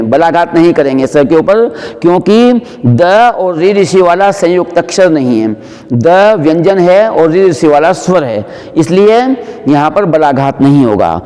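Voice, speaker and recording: A high-pitched man gives a slow, patient chanting lesson. He breaks each word into syllables and then sings it back long and drawn out. His voice trails off in a long, hall-like reverb. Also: a little mellow. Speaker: chanting teacher. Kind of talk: pronunciation lesson for a Sanskrit prayer.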